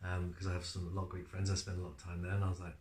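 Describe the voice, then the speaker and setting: A man's voice: deep voice, racing, roomy sound. A man who is an actor, answering interview questions in a casual, chatty way with lots of fillers. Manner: relaxed, chatty storyteller with frequent fillers.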